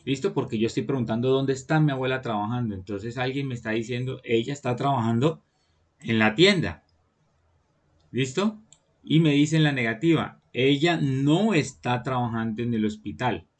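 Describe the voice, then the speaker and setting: A man with a mid-range, slightly mellow voice teaches an online class to children, speaking a little fast. He explains patiently and keeps checking that they're following, often repeating "¿listo?"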